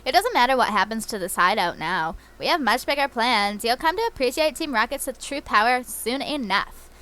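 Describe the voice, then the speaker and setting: A woman's voice: fairly high pitch, expressive, normal speed, pushed and bright. Haughty villain commander, read by a woman. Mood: smug. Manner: reading game dialogue aloud, mock-menacing.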